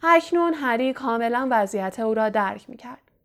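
A woman narrating an audiobook in a measured, even reading style. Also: fairly high pitch. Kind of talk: scripted narration.

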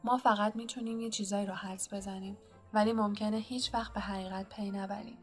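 A woman voicing a calm, wise old male wizard headmaster in an audiobook, speaking softly and without hurry. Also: medium pitch, soft background music, close to an everyday voice. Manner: calm, soft, unhurried. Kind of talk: audiobook character reading.

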